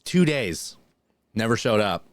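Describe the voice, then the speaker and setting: A man's voice: on the low side, very animated, a little slow, no room sound. A man co-hosting a podcast who tells a long story in casual chat and then reads news items. He talks in a rambling, profane way, with many restarts and fillers. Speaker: podcast co-host.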